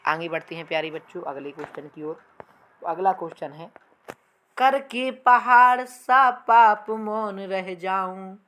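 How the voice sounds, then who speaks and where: Woman teaching verse in slow recitations. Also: lowish voice. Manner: recites verse slowly and loudly, then explains it in a softer voice; keeps addressing her students as "dear children". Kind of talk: exam-prep lesson.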